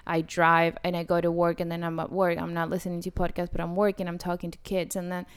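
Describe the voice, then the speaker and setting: A woman's voice: lowish voice, completely flat delivery, quick pace, clean tone. A young woman co-hosting a podcast, talking casually with lots of "like" and the odd swear word. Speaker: podcast co-host. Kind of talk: casual chat.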